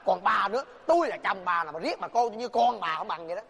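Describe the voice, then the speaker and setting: A man plays a henpecked older husband begging his wife to let him speak. His voice is raised and husky, and he talks quickly. A long hall echo trails behind him. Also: sits high, expressive, bright, forceful tone, full character voice. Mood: pleading. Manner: pleading, whining complaints.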